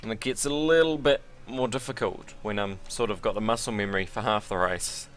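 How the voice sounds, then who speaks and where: A man's voice: fairly low pitch, fairly quick, a bit bright, slight background noise. A man giving casual, rambling and self-deprecating commentary while sim racing.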